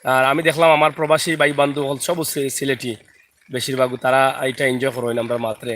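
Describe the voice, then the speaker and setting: Talking fast in a medium-pitched, fairly bright voice with a level tone, this man broadcasts a live video from a riverside village in Bangladesh. He speaks with a Sylheti accent and greets his viewers by name as he films outdoors.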